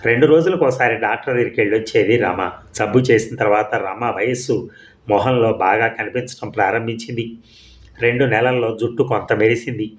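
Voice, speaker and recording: A man giving steady, measured storybook narration of a serial. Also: lowish voice. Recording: echoey room.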